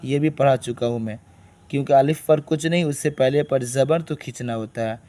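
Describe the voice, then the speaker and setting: A man teaching Arabic letter reading step by step. He explains each rule and then drawls the syllables slowly so learners can copy him. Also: mid-range voice, warm tone. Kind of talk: step-by-step recitation lesson.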